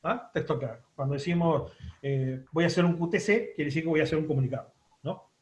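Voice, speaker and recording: A man's voice: fairly high pitch, brisk, a little mellow, echoey room. A man teaching a radio course, explaining step by step with many fillers and restarts. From Uruguay. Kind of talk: online class lecture.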